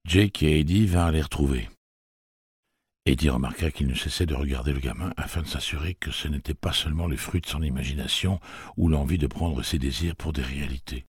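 A man narrating an audiobook in a low, measured, dramatic reading on a close studio mic. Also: slightly rough, no room sound. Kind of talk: scripted narration.

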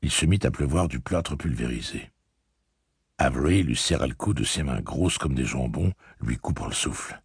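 A man reading a novel aloud as an audiobook narrator, telling the story in a measured, steady way. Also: extremely low pitch, creaky, slightly rough, no room sound, clean studio sound.

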